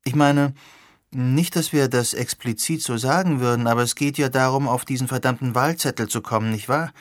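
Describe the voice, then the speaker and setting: A man voicing an excited young woman who asks eager, probing questions. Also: mid-range voice, fairly quick, dry recording, clean studio sound, natural voice. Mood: questioning.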